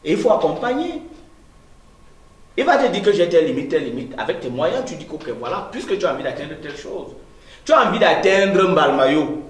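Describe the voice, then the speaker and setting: A man's voice: very animated, a little fast. A man, giving an interview in an emphatic, rhetorical way. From Cameroon. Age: 30s. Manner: emphatic, rhetorical, sweeping pitch swings. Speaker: company director, interview guest. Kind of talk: interview talk. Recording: echoey room with faint noise.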